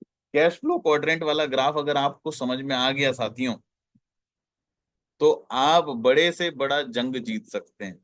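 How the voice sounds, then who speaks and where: A man's voice: mid-range voice, measured pace, fairly bright tone, dry recording. A man training direct sellers, explaining slides in a repetitive, emphatic way and addressing listeners as companions.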